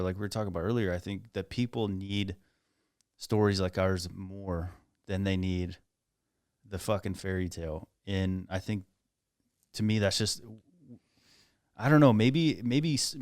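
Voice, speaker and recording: A man with a low voice hosts a podcast in a laid-back, agreeable tone and swears casually. The sound is dry and close, with no room around it. He sounds easygoing as he chats with his guest. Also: normal speed, clear, resonant tone, dry recording. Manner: relaxed, agreeable, casually profane. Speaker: podcast host. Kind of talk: casual conversation. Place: podcast studio.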